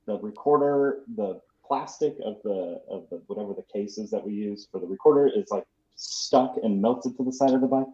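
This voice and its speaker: Low-voiced male guest on dull lo-fi audio. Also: normal speed, mellow. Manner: easygoing storytelling with fillers. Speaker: guest sound recordist. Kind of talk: casual anecdote.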